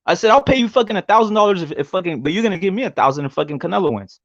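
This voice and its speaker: A man with a slightly high voice talks very fast in a brash, frat-bro way, swearing heavily. He sounds like a casual livestream host, on dull, lo-fi audio with little room sound. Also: lively intonation, no room sound. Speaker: host of a boxing talk show. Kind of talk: casual profane live panel chat.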